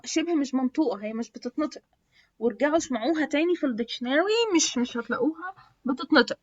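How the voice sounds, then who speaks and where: A woman with an Egyptian Arabic accent teaching English pronunciation in an online lesson, drilling lists of English words and stretching them out slowly. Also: fairly high pitch, fairly bright tone, dull audio.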